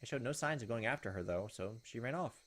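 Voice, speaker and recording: This man hosts a game playthrough with an animated, fast delivery and a medium, slightly bright voice. He alternates between laid-back remarks and reading story passages out loud as a gaming video host.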